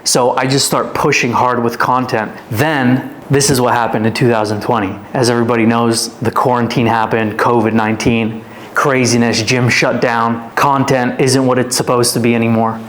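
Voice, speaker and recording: Talking at a moderate pace in a medium-pitched, fairly bright voice with little pitch movement, a podcast guest shares his life story. He's a Canadian fitness influencer in his twenties, and the casual interview finds him rambling. Fillers pile up, with lots of "like"s.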